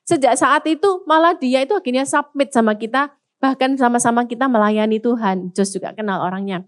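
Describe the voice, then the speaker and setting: A woman pastor with an Indonesian accent delivers a lively sermon in a high, bright voice. She speaks straight to her congregation, drops English phrases into her preaching and mimics boastful voices with rising pitch. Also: fairly quick, clean tone. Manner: animated, acts out proud speakers in a raised voice; addresses congregation as Bapak Ibu.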